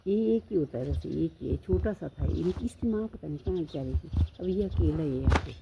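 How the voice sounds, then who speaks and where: Filming her dogs outdoors around her home and garden, a vlogger chats casually and coos at them in a sing-song voice. Her voice sits low with a dark tone and vocal fry, brisk with lively intonation, over slight background noise.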